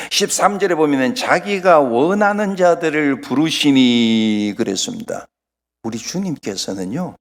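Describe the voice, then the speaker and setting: A male pastor preaching a Sunday sermon, emphatic, swinging from loud exclamations down to near-whispers. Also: high voice. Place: church sanctuary. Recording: long church hall reverb.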